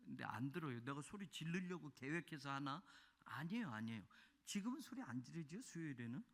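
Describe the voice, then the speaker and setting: A male pastor preaching a sermon. He swings from shouting fervor to quiet, chatty asides. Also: a little high, expressive, brisk. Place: church sanctuary. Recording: long reverb of a church hall.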